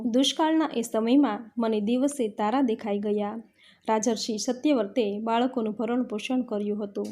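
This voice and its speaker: Female storyteller for a religious reading, warm and somewhat high, steady measured delivery. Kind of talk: scripted devotional narration.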